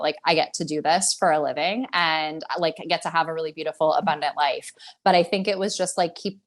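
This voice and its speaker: A woman of forty, a guest author and tarot reader, talking in a bubbly, rambling way with lots of fillers. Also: on the low side. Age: 40s. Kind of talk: casual interview chat.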